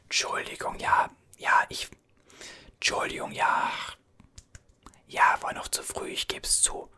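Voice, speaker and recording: A man's voice: slow pace, sharp tone. A man whispering as a chatty, soothing gas station cashier in an ASMR roleplay, reassuring and rambling.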